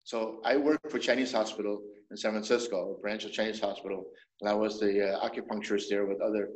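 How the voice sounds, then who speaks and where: A man in his seventies, a traditional medicine doctor, explaining things in a measured way as an interview guest, often restarting his sentences. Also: lowish voice, steady tone. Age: 70s. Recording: roomy echo.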